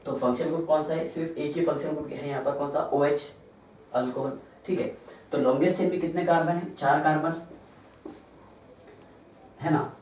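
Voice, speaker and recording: A man with an Indian Hindi accent teaching chemistry in a classroom lecture. He counts carbons aloud, spells out formulas slowly, and asks questions that he answers himself. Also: fairly high pitch, steady tone, darkish tone. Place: large classroom. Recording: echoey room, distant mic, faint noise.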